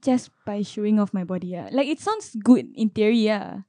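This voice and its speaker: A woman's voice: mid-range voice, lively intonation, moderate pace, dark tone, no room sound. A young Singaporean woman chatting casually in a group, using Singlish slang with ah and sia and bits of Malay.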